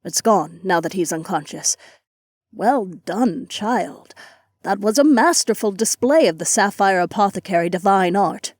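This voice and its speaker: A powerful female sect elder in a fantasy audiobook, read by a woman. She speaks in a brisk, commanding mid-pitched voice, recorded dry and close. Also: expressive, darkish tone, no room sound. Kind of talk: audiobook character voice.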